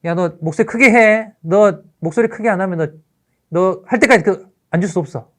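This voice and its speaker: A man playing a frustrated male teacher scolding a pupil, much higher and louder than his own voice. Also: expressive, fast talker. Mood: angry. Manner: shouting, exasperated.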